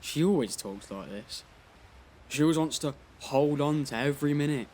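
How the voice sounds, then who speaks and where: A man's voice: a little high, animated, normal speed, darkish tone. A young actor playing a blunt, brooding but brave teenage boy in an audio play. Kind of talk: youth theatre audio play.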